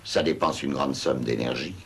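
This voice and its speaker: A man's voice: a bass voice, normal speed, a little hiss or hum. An actor playing a solemn, servile male genie of the lamp in a dubbed film, speaking in formal commands. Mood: patient, formal.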